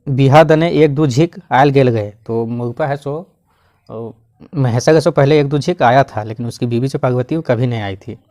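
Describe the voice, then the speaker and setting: A man teaching, who reads a line in a regional dialect and then explains it in plain Hindi, often coughing and clearing his throat. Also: medium pitch, darkish tone. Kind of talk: explaining a Khortha text line by line.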